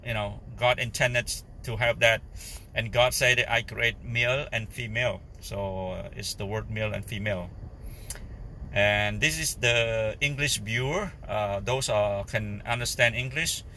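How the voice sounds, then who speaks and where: A man with a Cambodian Khmer accent, a native Khmer speaker, giving informal Bible teaching in halting English as he searches for words. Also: on the low side, sharp tone, slight background noise, rough recording. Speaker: lay preacher.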